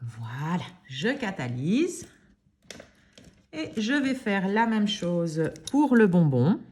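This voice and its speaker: Une femme qui anime un tutoriel de nail art et explique calmement chaque étape, avec des hésitations naturelles. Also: female voice, mid-range voice, slight background noise. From Belgium. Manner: calm, unhurried, explains each step softly. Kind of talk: casual step-by-step demonstration.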